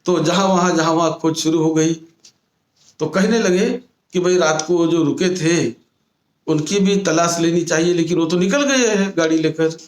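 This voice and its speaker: A man, a Buddhist monk, telling a moral story in a sermon, retelling it slowly and often restating his phrases. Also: on the high side, roomy sound.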